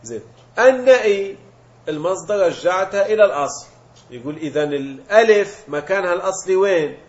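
Man, teacher, slightly high voice, dull lo-fi sound. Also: animated, fast talker. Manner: explains step by step, asks and answers his own questions; mixes colloquial Gulf Arabic with classical terms. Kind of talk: Arabic morphology lesson. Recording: dull lo-fi recording.

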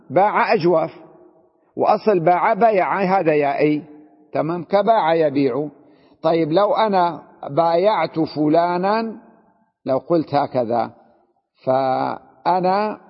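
A man's voice: on the high side, breathy edge. Male Arabic grammar teacher in echoing hall. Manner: explains with questions and repeated checks. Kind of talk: classroom lecture. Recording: dull lo-fi recording with long hall reverb.

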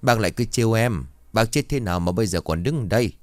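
A man playing a gruff old villager who grumbles and scolds in coarse, blunt speech. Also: on the low side, animated, fast, no echo, natural voice. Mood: grumbling. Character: grumpy old village man, easily startled.

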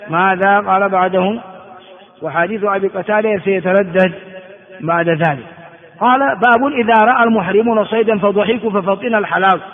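High-voiced sheikh teaching in an echoing hall. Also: male voice. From Ethiopia. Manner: explanatory, repeats and glosses phrases, frequent filler words. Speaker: religious teacher. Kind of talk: classroom lecture explaining hadith text. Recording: tinny lo-fi recording with long hall reverb.

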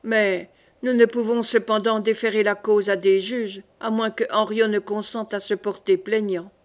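A woman's voice: mid-range voice, level tone, normal speed, lightly acted. A woman voicing an abrupt, nervous young king in an audiobook reading. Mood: curt.

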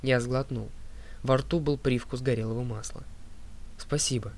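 A man reading an audiobook as narrator, in a steady, clear voice that drops low on speaker tags. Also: normal speed. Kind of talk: scripted narration.

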